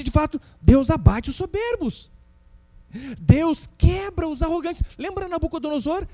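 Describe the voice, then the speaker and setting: Animated Brazilian pastor preaching. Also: male voice, very high voice. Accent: Brazilian Portuguese. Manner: animated, acts out quoted voices. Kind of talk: sermon. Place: church.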